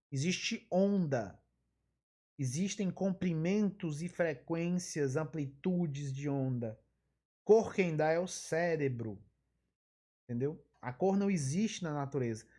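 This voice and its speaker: A woman lectures live on physiology, her voice sitting a little low. She keeps repeating the key terms and drifts into asides. She pushes her points home with emphatic rhetorical questions. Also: dark tone.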